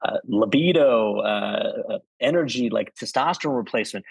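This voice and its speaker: Man, urologist, husky low voice, dry close sound. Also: normal speed, no room sound, low-quality recording. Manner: calm, explanatory, plainspoken. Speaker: urologist guest. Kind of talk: explanatory interview answers.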